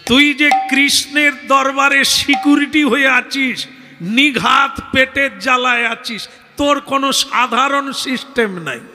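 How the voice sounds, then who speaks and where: A man's voice: very high voice, a little slow, long reverb tail, music in the background. A man telling a devotional story in kirtan style, dramatically voicing the characters. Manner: dramatic, switches between voices of characters.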